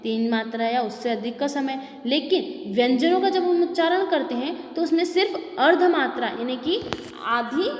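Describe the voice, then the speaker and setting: A woman's voice: sits high, animated, moderate pace. A woman teacher explaining a lesson. She asks questions, then answers them herself and repeats the key terms. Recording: echoey room with long reverb.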